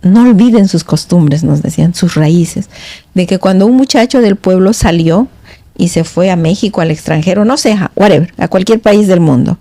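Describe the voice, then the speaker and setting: A middle-aged woman, a podcast guest, telling stories in a halting, meandering way with many restarts. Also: on the low side, dark tone, no room sound. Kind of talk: casual storytelling in conversation. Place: podcast studio.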